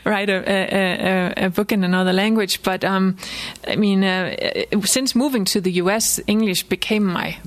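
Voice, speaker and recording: A Danish woman author, a native speaker with a Danish accent, gives an informal book talk to a live audience, recorded for a podcast. Her voice is mid-range with fairly even intonation. She speaks haltingly as she thinks aloud, often doubling and restarting words, and chuckles frequently.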